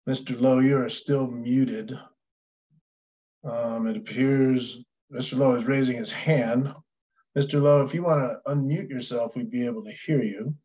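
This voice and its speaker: A man's voice: mid-range voice, fairly even intonation, measured pace, mellow, lo-fi sound. A man moderating a hearing politely and procedurally over a video call. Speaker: hearing officer.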